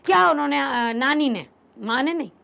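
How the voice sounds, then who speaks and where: A Hindi teacher gives an online class lecture on literature, her voice high, gravelly and sharp-toned at a normal speed. She rephrases each point and term in simpler words and puts questions to her students.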